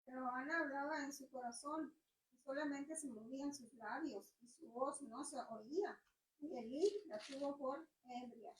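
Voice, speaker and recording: A woman's voice: high-pitched, moderate pace. Faint woman reading scripture from afar. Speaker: congregant reading scripture aloud. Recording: distant, echoey church hall.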